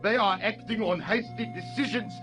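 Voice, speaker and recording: A man's voice: sits high, normal speed, music in the background, close to an everyday voice. A man playing a South African conspirator. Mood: formal.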